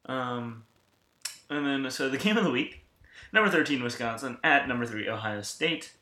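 A man hosting a sports podcast in casual chat, halting and often restarting his sentences. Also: mid-range voice, animated, bright, forceful tone. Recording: roomy, echoing sound.

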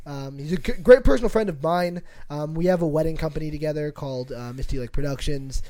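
Mellow-voiced man rambling casually. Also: fairly high pitch, quick pace. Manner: rambling, many fillers and restarts. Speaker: podcast co-host. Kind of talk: casual chat.

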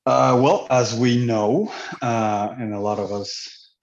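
A man from Mexico, co-host of a podcast and a coach, talking in a measured way with many fillers and restarts. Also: medium pitch, fairly even intonation, creaky, darkish tone, roomy sound, lo-fi sound. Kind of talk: casual podcast chat.

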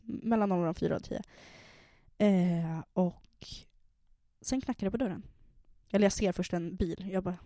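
A woman's voice: lowish voice, gravelly, mellow, no room sound, studio quality. A young woman frankly telling her own story in a casual podcast, full of fillers and acted-out dialogue. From Sweden. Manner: frank, lots of fillers, acts out quoted dialogue.

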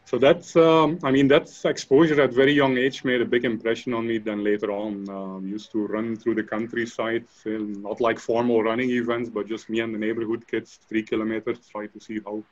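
A man's voice: mid-range voice, little pitch movement, brisk, few pauses, highs cut off. A man from Belgium, a guest in an interview, talking loosely with many fillers and restarts. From Belgium (Flanders). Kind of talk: conversational interview.

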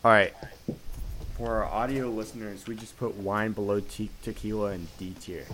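A man's voice: on the low side, fairly even intonation, normal speed, a crowd in the background, poor audio. A man hosting a podcast, playful and upbeat, leading the group in casual chat. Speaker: podcast host.

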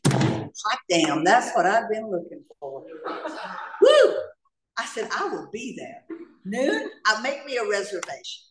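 Speaking to an AA meeting in a church hall, this North Carolina woman tells her recovery story humorously, laughing frequently. Her mid-range voice swings hugely in pitch and moves unhurriedly with long pauses. The mic is distant, so the hall echoes and there's a little hiss or hum.

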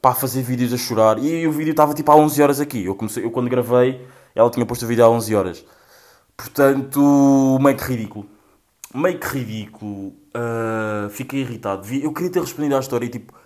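A young man with a European Portuguese accent, talking casually as the host. He rambles, swears freely and mocks what he is showing, at an ordinary middle pitch. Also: fast, darkish tone. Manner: profane, rambling, mocking. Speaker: host reacting to social media clips. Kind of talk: casual commentary.

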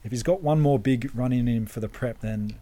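An Australian man hosting a racing podcast in relaxed, informal chat. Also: medium pitch, a little fast.

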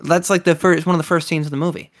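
A chatty podcast co-host talks through an episode in a relaxed, enthusiastic way. The voice sits at a middle pitch, with plenty of fillers and restarts. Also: rapid-fire. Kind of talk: casual chat reviewing a series episode.

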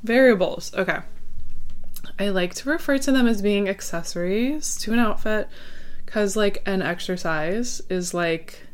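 A woman's voice: mid-range voice, unhurried, clean tone. A young adult woman chatting casually as a solo podcast host, rambling and hesitant, with girly informal speech and lots of "like" filler.

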